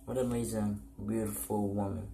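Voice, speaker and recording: A man's voice: fairly low pitch, flat delivery, normal speed, creaky, mellow, a little hiss or hum. A man opening and chatting through a casual food vlog in a loose, joking way. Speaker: vlogger. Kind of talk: casual mukbang chat.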